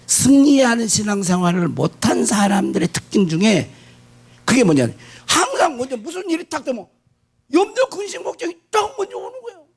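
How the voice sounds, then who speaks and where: A pastor preaches to his congregation in a high, husky male voice. His pitch leaps around in wide, lively arcs. He asks the room questions and answers them himself, dropping to near silence and then rising to a shout. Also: brisk. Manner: swings between hushed asides and shouted declarations. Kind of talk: sermon.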